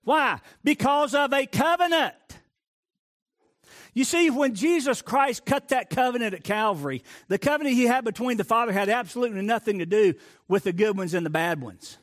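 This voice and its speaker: A middle-aged man preaching a sermon as pastor, swinging from loud emphatic lines to hushed asides and repeating phrases for emphasis. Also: high-pitched, expressive, a little fast, hardly any pauses.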